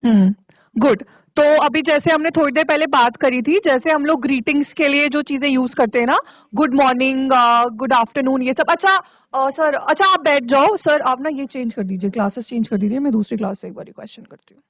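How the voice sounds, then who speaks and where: A woman with a high voice teaches children in an online spoken English class, patient and stopping often to check that they follow. The sound is dry and close, squeezed through a thin, phone-like line. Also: a little fast, dry recording. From Uttarakhand, India. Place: studio for a virtual classroom.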